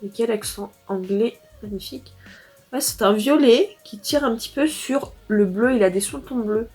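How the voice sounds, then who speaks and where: A woman's voice: a little high, moderate pace, a little mellow, breathy edge, faint music behind. A teenage girl from France chatting casually through a makeup palette review, rambling with fillers and self-corrections. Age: teens. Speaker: beauty vlogger.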